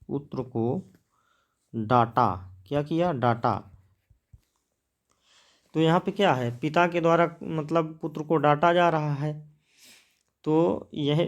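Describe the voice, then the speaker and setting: A man's voice: a little high, lo-fi sound. A man teaching a grammar lesson, writing examples on a board, repeating words as he writes and answering his own questions.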